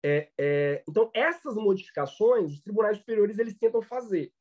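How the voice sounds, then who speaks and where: A man's voice: high voice, lively intonation, normal speed, darkish tone, lo-fi sound. A Brazilian man, a law professor, giving a lecture with many fillers and restarts. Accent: Brazilian Portuguese. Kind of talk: online lecture.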